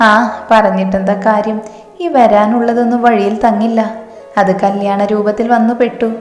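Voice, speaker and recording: A woman's voice: medium pitch, little pitch movement, moderate pace, darkish tone, close to an everyday voice. A woman voicing a dramatic young wife who bickers in a comic, melodramatic way. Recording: roomy reverb, faint music.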